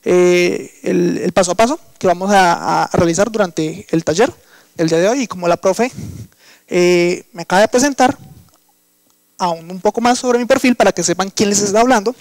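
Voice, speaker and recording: This online workshop lecture comes from a young man with a Colombian Caribbean coastal Spanish accent who explains things, often using fillers and starting over. His creaky voice sits high and moves at a moderate pace, captured with no echo.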